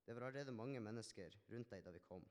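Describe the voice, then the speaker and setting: A man plays a healed Samaritan leper, telling his story in an earnest, reflective first-person monologue with small restarts and a somber mood. His voice is lowish, a little mellow and natural, recorded with long hall reverb.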